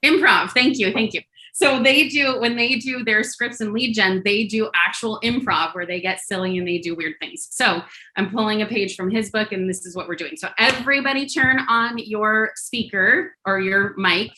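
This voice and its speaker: A woman's voice: mid-range voice, moderate pace, sharp tone, poor audio. A woman hosting a group coaching call online, chatty and encouraging, with lots of fillers and restarts. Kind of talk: casual coaching talk to a group.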